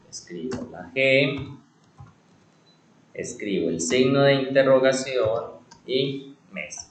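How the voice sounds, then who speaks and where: With a mid-range voice, the man teaching this computer class answers his own rhetorical questions and slows down to repeat key words for emphasis. Reverb fills the rough recording.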